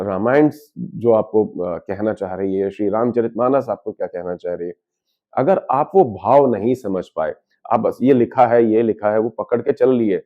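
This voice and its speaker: A man with a mid-range voice, captured in a muffled recording, gives an explanatory spiritual talk as an astrologer. He switches freely between Hindi and English, mixing English terms in, and often poses questions that he then answers himself.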